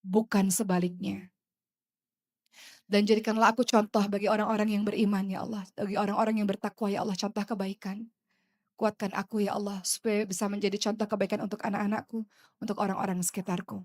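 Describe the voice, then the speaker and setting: A woman's voice: medium pitch, little pitch movement, brisk, no echo. Impassioned woman preacher, dry close sound. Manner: impassioned, rhetorical questions, swings between hushed and loud. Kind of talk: religious talk to women.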